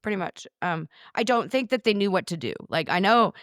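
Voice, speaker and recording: A woman's voice: mid-range voice, lively intonation, a little fast, dry recording, clean studio sound. A woman speaking as a guest in a candid podcast interview, blunt and matter-of-fact, with plenty of swearing.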